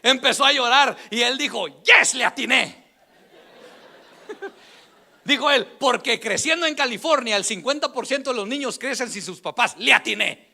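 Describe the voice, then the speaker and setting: A man preaching a storytelling sermon in church, acting out quoted voices with shouts and laughs. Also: very high voice, fairly quick, vocal fry, hardly any pauses.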